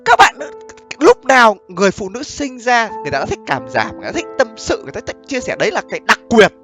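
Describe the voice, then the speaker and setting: A man delivers a casual, blunt monologue on relationships with plenty of swearing. His voice sits very high and swings widely, with a sharp, forceful edge as he keeps checking that his listeners follow. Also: wildly swooping pitch, quick pace, soft background music. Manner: blunt, profane, often asks "understand?" and "right?". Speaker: online host giving relationship commentary. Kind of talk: casual monologue addressed to viewers.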